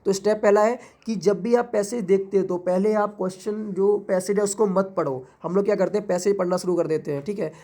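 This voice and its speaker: A woman giving an English lesson for exam prep. She keeps asking questions and answering them herself, spells words out letter by letter, and reads definitions slowly. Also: medium pitch, steady tone, mellow. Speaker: English tutor.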